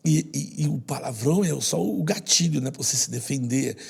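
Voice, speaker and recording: A man from Brazil, a podcast guest, telling personal stories in an earnest, heartfelt way and sometimes dropping to a soft hush. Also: a little high, expressive, moderate pace. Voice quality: gravelly and very husky. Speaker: podcast guest, social project leader. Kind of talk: personal storytelling in conversation.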